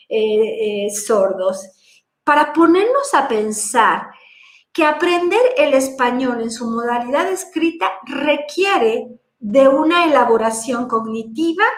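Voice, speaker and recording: Slow, lively-voiced woman lecturing. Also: sits high, reverberant. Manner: slow, deliberate explanation with rhetorical questions. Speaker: lecturer on language teaching for deaf children. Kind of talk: virtual conference lecture. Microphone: video call.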